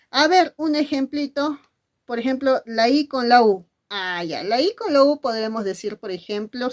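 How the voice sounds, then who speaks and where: A woman teacher at medium pitch walks through a spelling lesson. She poses questions and answers them herself, and she calls her pupils endearing names.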